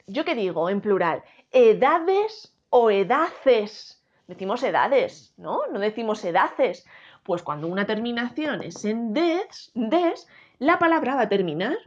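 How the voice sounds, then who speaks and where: Woman, Spain Spanish accent, teacher, high voice, emphatic, rhetorical questions, muffled lo-fi recording. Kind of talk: spelling lesson. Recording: dull lo-fi sound.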